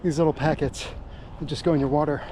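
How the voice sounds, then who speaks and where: A man's voice: a little high, steady tone, quick pace, dark tone. A man chatting casually and rambling in a laid-back way while out on a run, vlogging as he goes. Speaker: running vlogger. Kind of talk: casual rambling vlog chat. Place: outdoors on a run, near a car. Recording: outdoor recording with car and ambient noise.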